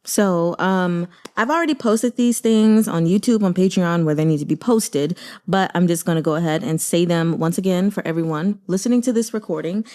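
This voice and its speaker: An audiobook reader who hosts a reading channel chats casually, sharing reactions and announcements and stating her opinions plainly and emphatically. Her lowish voice is a little mellow and moves at a moderate pace with hardly any pauses.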